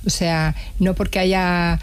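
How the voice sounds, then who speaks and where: A woman's voice: lowish voice, level tone, slow, clean tone, no room sound. A woman jazz musician speaks as a radio guest, with a dry, close sound. She talks reflectively and stammers on a word now and then. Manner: reflective, stammers on some words. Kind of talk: radio interview.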